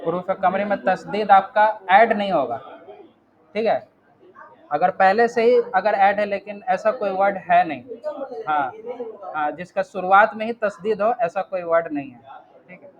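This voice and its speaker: A man's voice: high voice, moderate pace, dull audio. A man teaching an Arabic grammar class online, patiently walking students through each word and often checking whether they follow.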